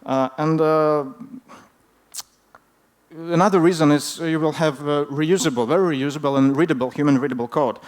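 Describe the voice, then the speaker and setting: Halting male conference speaker, clear smooth voice. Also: a little high. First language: not English. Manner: hesitant, halting delivery with frequent fillers. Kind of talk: informal technical presentation.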